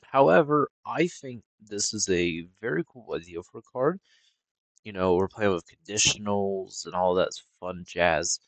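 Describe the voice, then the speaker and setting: A man's voice: low voice, a little slow, no room sound. A man casually reviewing game cards, rambling with lots of fillers in a laid-back way. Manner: rambling, heavy on fillers and hedges; laid-back, sometimes yawning.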